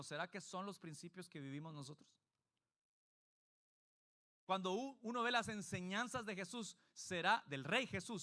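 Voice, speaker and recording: Male pastor, sermon delivery, high bright tone, emphatic, questions the congregation.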